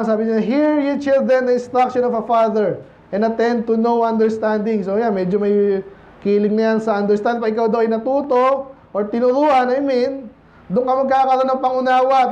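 High-voiced pastor preaching in a church. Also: male voice, a little mellow, highs cut off, a little hiss or hum. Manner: conversational preaching, calls out "Amen?" to the congregation; mixes English phrases into Tagalog. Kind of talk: Sunday sermon.

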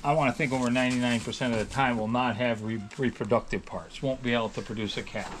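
A middle-aged dairy farmer talks casually, circling back and restarting his sentences as he thinks aloud. His voice sits at an ordinary pitch. A faint background hum runs under the recording. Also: fairly even intonation, fast. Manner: rambling, with many restarts and hedges. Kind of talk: casual storytelling. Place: on a farm, near calves.

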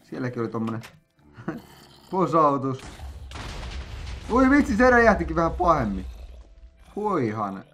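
A man giving let's-play commentary on his own gameplay, excitable and jokey, breaking into sudden yelps and sing-song noises. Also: fairly high pitch, pauses often. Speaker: gamer playing a player-made map.

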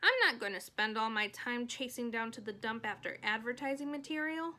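A grumbling, greedy storybook rat, put on by a woman reading aloud, always complaining. The voice is pitched fairly high and has a sharp, bright edge. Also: lively intonation, fairly quick. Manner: grumpy, complaining.

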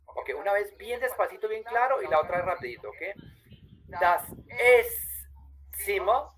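A man teaches German in an online class over a video call, patiently drawing out each word slowly. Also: sits high, sing-song, fairly bright tone, low-quality recording.

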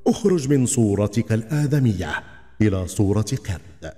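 Furious threatening ifrit, put on by a male narrator, dark tone, soft music behind. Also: lowish voice, lively intonation, moderate pace, natural voice. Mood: stern. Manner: commanding, threatening. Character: furious towering male ifrit, jealous and cruel. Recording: long reverb, faint background music.

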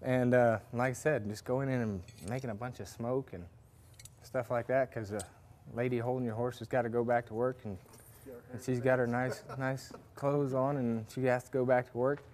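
Here the farrier instructor's voice is medium-pitched and darkish, fairly flat in pitch, at a normal speed. He rambles casually through a hands-on demonstration at a forge workshop, often restarting and filling gaps.

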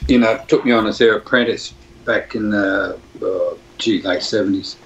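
A man's voice: lowish voice, fairly even intonation, moderate pace, slight background noise. An older Australian man, a music producer, reminiscing in a rambling phone interview with many restarts. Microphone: phone line. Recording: dull lo-fi phone audio.

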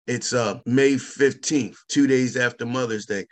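A man's voice: medium pitch, a little slow. A middle-aged man who owns a carpet cleaning business, speaking casually and emphatically as a guest and repeating his key points like a salesman. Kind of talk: casual testimonial chat.

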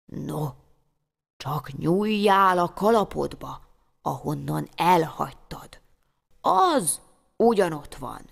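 A woman voicing a kindly, wise old woman in a storybook tale, speaking slowly in a hushed, half-whispered way. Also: low-pitched, sing-song, vocal fry, full character voice. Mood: gentle, knowing. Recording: long hall reverb.

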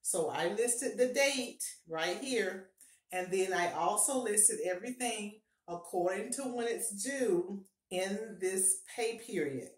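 In an echoey little bathroom at home, a middle-aged personal finance vlogger talks to a close-up fixed camera. Her medium-pitched voice is expressive and unhurried as she gives upbeat, encouraging budgeting advice, often going back over her key points.

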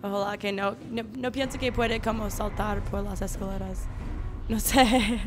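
A woman doing horror game commentary who talks in a nervous, frightened, halting way. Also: mid-range voice, steady tone, background noise. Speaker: let's player.

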